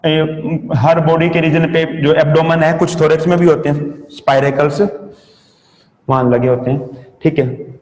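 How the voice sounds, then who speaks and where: A man's voice: a little high, little pitch movement, unhurried, a little mellow. Guy teaching a class, asks himself questions and answers them, echoey room w long reverb. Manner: explains step by step, asks and answers his own questions. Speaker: agriculture entomology teacher. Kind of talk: classroom lecture. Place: coaching classroom.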